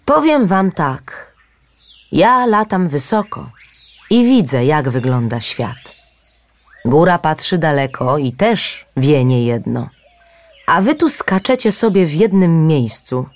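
A woman's voice: deep voice, very animated, slow, voice pushed up, heavily acted. A woman voicing a proud, touchy male bird of paradise in a storybook reading, talking indignantly and earnestly.

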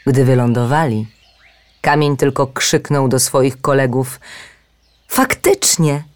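A woman narrating a children's fairy tale in a gentle, expressive way. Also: rumbling low, unhurried. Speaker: storyteller.

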